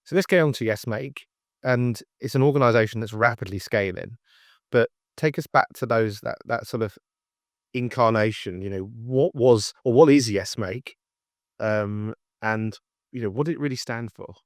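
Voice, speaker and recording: A man's voice: medium pitch, normal speed, no echo, studio quality. A man hosting a podcast, asking prompting interview questions in a conversational way. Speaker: podcast host.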